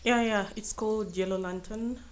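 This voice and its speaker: A young woman guest in a casual podcast conversation, pausing and restarting as she talks. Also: medium pitch, steady tone, slight background noise. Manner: hesitant, restarts often.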